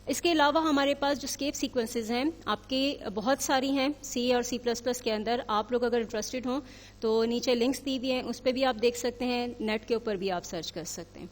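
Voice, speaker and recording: A woman's voice: fairly high pitch, long reverb tail. A woman teaching programming in a recorded lecture, explaining step by step, often checking with "theek hai?" and mixing English technical terms into her speech.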